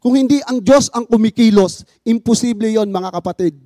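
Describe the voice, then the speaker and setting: A man with a high yet mellow voice tells a faith testimony about his family, earnest and heartfelt. He acts out the lines of the people he quotes. The sound is close and dry. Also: moderate pace, dry recording. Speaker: father sharing a personal testimony.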